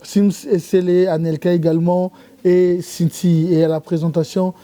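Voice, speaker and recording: A man's voice: sits high, flat delivery, normal speed, mellow. A male talk show host asking direct, pressing questions and closing the show. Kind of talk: interview hosting.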